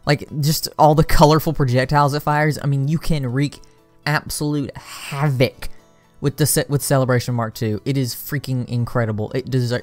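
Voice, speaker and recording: Tired, rambling gaming commentator. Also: medium pitch. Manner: rambling and filler-heavy, with restarts and bursts of excitement. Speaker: gaming video creator. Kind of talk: casual tier-list commentary.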